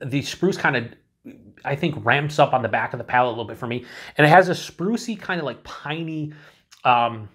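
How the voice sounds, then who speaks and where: In a small indoor room, a man in his forties chats casually to camera while reviewing a beer, thinking out loud with plenty of fillers and restarts. His voice sits on the high side, fairly bright with a breathy edge.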